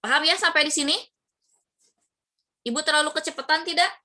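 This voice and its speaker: Bright-voiced woman teacher explaining patiently. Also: high voice, brisk. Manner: explains patiently, many fillers and rhetorical questions. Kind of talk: online lesson for a class.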